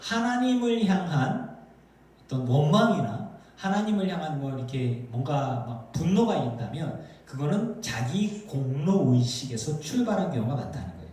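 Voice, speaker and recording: Pastor guy preaching in a big echoey church, sounds far from the mic, acts out whiny prayers. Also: normal speed. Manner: animated preaching, acting out complaining prayers in a high voice. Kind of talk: sermon. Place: church sanctuary.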